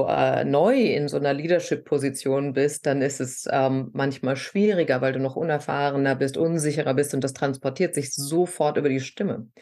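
Low-voiced middle-aged woman from southern hesse, voice coach on a podcast, explains stuff with lots of energy. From southern Hesse, Germany. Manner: animated, explanatory, teacherly. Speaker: voice coach, guest expert. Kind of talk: podcast interview conversation.

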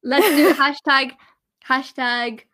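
Young british woman on a podcast, really high voice, jokey and teasing, laughs all the time. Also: slow pace, fairly bright tone. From Britain. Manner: playful and teasing, laughs often. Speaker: podcast co-host. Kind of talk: casual chat.

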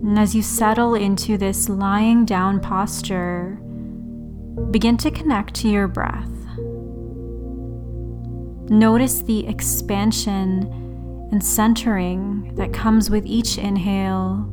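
A woman leading a guided relaxation meditation in a soothing, unhurried sleep-story manner, leaving long pauses. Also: mid-range voice, steady tone. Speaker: yoga and meditation teacher, host. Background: background music.

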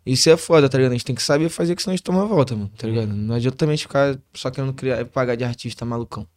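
Male interview guest, Rio accent, slangy street talk, rapid delivery. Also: mid-range voice, a little mellow. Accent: Rio de Janeiro. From Rio de Janeiro, Brazil. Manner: slangy, constant tag phrases. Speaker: interview guest, hip hop musician.

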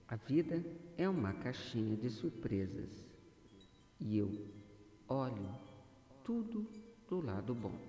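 A man leading a guided hypnosis meditation, speaking in a slow, measured way and repeating affirmations over and over. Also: medium pitch, mellow. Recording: roomy voice with long reverb.

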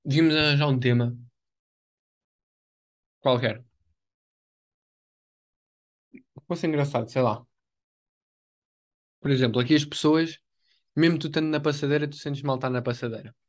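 A man's voice: fairly high pitch, fairly even intonation, moderate pace, long pauses. A young man chats casually as a podcast co-host, using slang and repeating himself for emphasis. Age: young adult. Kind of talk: casual chat.

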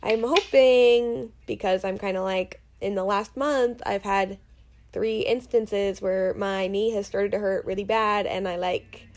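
A woman's voice: mid-range voice, fairly even intonation, measured pace, a little mellow. A woman in her twenties co-hosting a podcast in casual chat, telling stories in a rambling, self-deprecating way. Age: 20s. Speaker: podcast co-host.

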